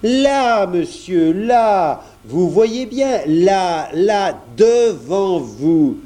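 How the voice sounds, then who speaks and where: A man voicing an impatient grocer who insists loudly and talks down to a customer he thinks is foreign. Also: sits high, sing-song, very slow, pitched above the performer's own voice, exaggerated voice. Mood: insistent. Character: impatient middle-aged male grocer, shopkeeper.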